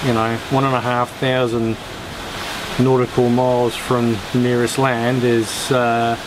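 An older man, a crew member, reflecting in a measured, thoughtful way with pauses, seated in a boat cabin. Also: mid-range voice, monotone, noisy background. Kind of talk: reflective interview answer.

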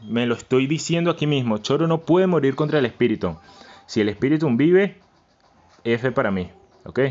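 A man hosting a let's-play, chanting and repeating words and swinging between low mutters and yells. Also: lively intonation, moderate pace, highs cut off. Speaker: gaming channel host. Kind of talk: excited let's-play commentary.

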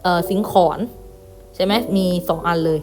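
A woman teacher giving an online lesson to primary pupils, reading words aloud one by one and gently repeating them. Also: fairly low pitch, steady tone, normal speed, music in the background. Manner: patient, reads each word aloud and repeats with gentle "na kha" tags. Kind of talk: online class lesson, reading word lists.

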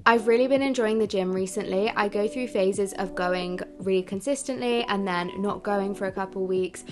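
A young woman in her twenties from England, narrating a casual day-in-the-life vlog in a chatty way full of "like" fillers. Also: medium pitch. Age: 20s. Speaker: vlogger. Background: background music.

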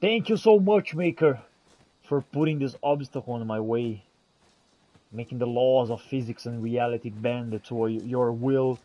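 A gameplay streamer role-plays aloud while playing a fantasy game, blending archaic, theatrical phrasing with casual asides as in-character commentary. His mid-range voice moves at a moderate pace, and the audio sounds dull.

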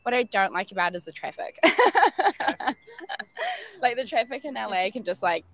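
A woman's voice: on the high side, sing-song, moderate pace, a bit bright. A woman, chatting in a street interview, giggling and using lots of fillers.

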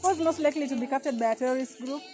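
A young woman with a Kenyan accent, asking tag questions in playful, quick casual chat. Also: sits high. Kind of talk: casual chat mixing English and Swahili. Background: background music.

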